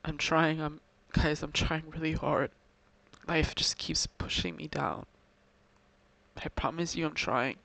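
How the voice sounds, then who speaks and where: An upset young man records a confessional vlog, near tears and sighing as he speaks. His voice sits a little high and has a gravelly fry. He talks haltingly, stopping and restarting often. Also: fairly even intonation, sharp tone, dry recording. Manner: halting, with many pauses and restarts. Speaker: video creator talking to subscribers.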